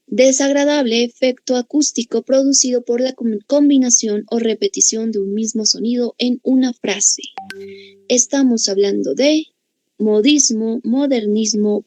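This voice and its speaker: A woman with a Bolivian Spanish accent teaches a grammar class as a language teacher, explaining things patiently and frequently checking in with her students. Her voice sits on the higher side with a dark tone. The recording is rough and has no room sound.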